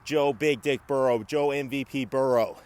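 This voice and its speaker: A man giving a brash, boastful fan commentary rant, first shouting and hyped, then calmer and emphatic. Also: medium pitch, moderate pace. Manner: brash, trash-talking, boastful; calmer, emphatic argumentative talk. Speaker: sports YouTuber.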